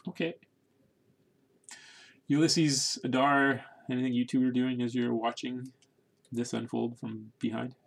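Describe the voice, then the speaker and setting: A man narrating as game master in a casual, halting way, with restarts. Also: medium pitch, little pitch movement, gravelly.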